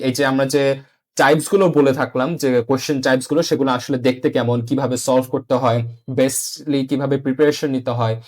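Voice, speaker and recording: A man's voice: mid-range voice, a little mellow. Man teaching an exam lesson. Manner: patient, repetitive explaining, mixing in English terms, frequent "uh" fillers. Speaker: IELTS teacher. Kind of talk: explanatory online lesson.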